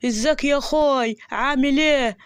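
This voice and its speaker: A woman with an Egyptian accent voicing a calm, traditional older village father. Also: high-pitched, brisk, dry recording, close to an everyday voice. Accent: Egyptian Arabic.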